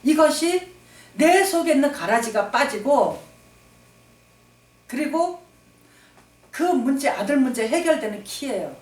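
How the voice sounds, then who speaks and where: A woman's voice: high voice, animated, a little slow, pauses often. A woman pastor preaching emphatically, repeating phrases for stress and calling for amens. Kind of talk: sermon. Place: church sanctuary. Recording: echoey hall, distant mic.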